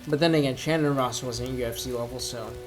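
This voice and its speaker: A man giving a casual, off-the-cuff sports rant, rambling and thinking aloud in halting bursts as if he has had a few drinks. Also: mid-range voice, faint music behind. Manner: drinking while ranting, tipsy rambling. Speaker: MMA commentator giving opinions.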